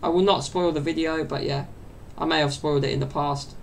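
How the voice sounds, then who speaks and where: Brisk and steady in tone, a twenties-aged man rambles through his own podcast, filling his chatty, meandering talk with fillers. His voice is high-pitched and gravelly. He records on a side-mounted desk mic in a small bedroom at home, with slight background noise.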